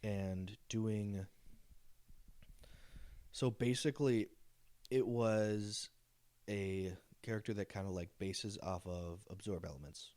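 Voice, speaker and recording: A young man co-hosting a casual podcast chat, excitable and boastful, swearing freely as he talks about the games he runs. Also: fairly low pitch, takes it slowly, long pauses. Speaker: podcast co-host and dungeon master.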